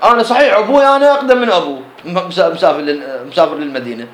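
Iraqi guy teaching a religious law class, talks fast, asks himself questions, echoey room. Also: high-pitched, animated. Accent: Iraqi Arabic. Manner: explains line by line, asks and answers his own questions. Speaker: teacher of Islamic jurisprudence. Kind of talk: classroom lecture explaining a text.

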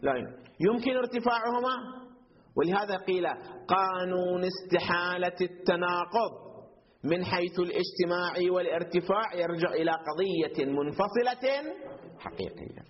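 Guy with a high voice teaching logic, quizzes the class then answers, dull muffled audio. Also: moderate pace, noisy background. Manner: explains step by step, asks the class questions and answers them. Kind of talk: classroom lecture.

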